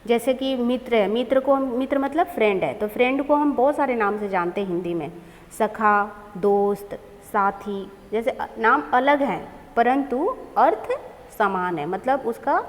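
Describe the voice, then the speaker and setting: Woman, teacher, children's lesson, slow and patient, somewhat high voice, reverberant room. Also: expressive. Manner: slow, explaining and repeating words for children.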